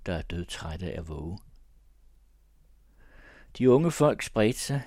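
A man narrating literary fiction aloud in a measured storytelling manner. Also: sits low, darkish tone, no echo, studio quality.

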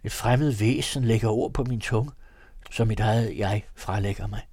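A man voicing a troubled older father who confesses his dark, frightening moods to his son in a read-aloud novel. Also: on the low side, husky, no room sound. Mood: haunted. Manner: earnest, haunted confession.

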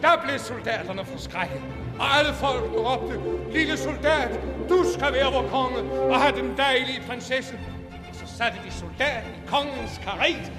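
A man reading a fairy tale aloud in a measured, dramatic storytelling way, from an archive recording. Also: high-pitched, big-room sound. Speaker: reader.

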